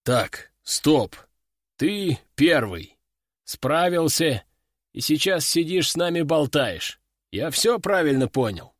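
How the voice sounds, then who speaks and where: Brief: gruff brisk commander, read by a male narrator, lowered voice, dry sound. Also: sing-song, no echo, exaggerated voice. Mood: puzzled.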